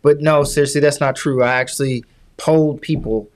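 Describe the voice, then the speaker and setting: A man co-hosting a casual political talk podcast, who explains points at length with many restarts and slows down to stress them. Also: a little high, steady tone. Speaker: podcast co-host.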